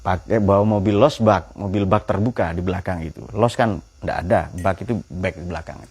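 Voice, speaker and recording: A man's voice: deep voice, a little fast, husky. A man giving a Quran exegesis lecture, quizzing his audience with questions and telling jokes. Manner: lively, joking storyteller.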